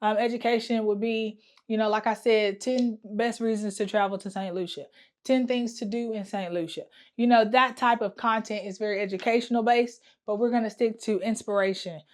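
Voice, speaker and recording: Her voice is a little high, with fairly even intonation and a moderate pace. In this casual planning vlog she talks to camera about marketing her travel business, restarting often and filling gaps with "um"s, humming to herself as she works at the wall.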